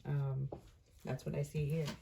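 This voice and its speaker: A woman with a low, gravelly voice and little pitch movement gives an off-the-cuff tarot reading, speaking casually and conversationally as the reader. She thinks aloud, often pausing between phrases, and the recording is very noisy.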